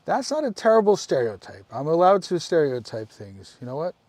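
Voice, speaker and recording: A man's voice: fairly high pitch, sing-song, a little fast, darkish tone, no room sound. Chatty man streaming live. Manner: chatty, addresses viewers by name, apologetic asides. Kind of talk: casual live-stream chat with viewers.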